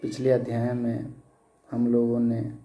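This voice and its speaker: A male college lecturer from India giving a slow, deliberate recorded lecture, pausing often with fillers and calling his listeners friends. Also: mid-range voice, completely flat delivery, mellow, roomy sound. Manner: slow deliberate explaining with many pauses and fillers.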